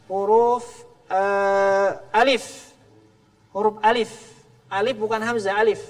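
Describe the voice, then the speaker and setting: High-voiced man teaching tajwid in hall. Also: level tone, slow pace. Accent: Sundanese. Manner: patient, drills letter sounds, asks students to repeat. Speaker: Quran recitation teacher. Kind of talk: tajwid class with drills. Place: mosque hall, indoors. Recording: long reverb of a large hall.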